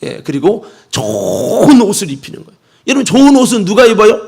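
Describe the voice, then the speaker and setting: A male pastor preaching a sermon, telling a story with lively asides. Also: high-pitched, fairly quick, vocal fry, husky. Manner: storytelling, animated, with many asides.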